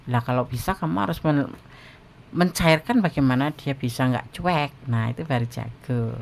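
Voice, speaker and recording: Man, gravelly voice, blunt and frank, casual advice monologue, tarot reader. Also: mid-range voice, fairly bright tone.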